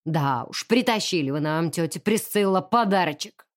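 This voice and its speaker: A woman's voice: on the low side, expressive, normal speed, voice pushed down, natural voice. A woman voicing a blustering, drunk older male colonel who bullies and slurs, in an audiobook. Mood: slurring accusing. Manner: loud, bullying, slurring.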